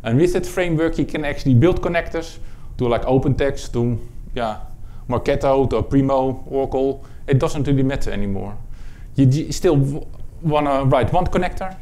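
This man, from the Netherlands and speaking with a Dutch accent, has a mellow, medium-pitched voice. He presents a technical product talk to a conference audience in a meeting room, stumbling along with frequent fillers and restarts.

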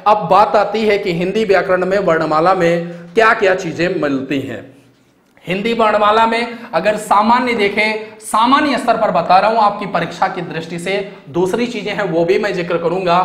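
High-voiced male teacher in an echoey room. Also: fairly bright tone. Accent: Hindi, North Indian. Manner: explanatory, repeats key words, asks and answers own questions. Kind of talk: exam-prep grammar lecture.

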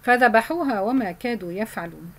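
A woman with an Egyptian Arabic accent teaching Quran memorization, explaining in casual colloquial speech and reciting verses slowly. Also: fairly high pitch, expressive, low-quality recording.

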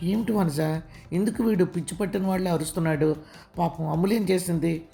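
Give me a woman doing a reasoning older father, in a gentle, mellow voice. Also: sits high, steady tone, a little fast, creaky, faint music behind. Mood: reassuring. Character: older father, calm reasoning head of house. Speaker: father in the story.

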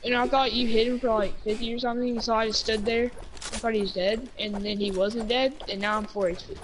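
Teen girl, teasing, excitable, fairly high voice, noisy background. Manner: teasing, excitable, quick outbursts. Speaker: streamer playing a shooter game. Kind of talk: casual gaming banter. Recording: noisy home stream audio.

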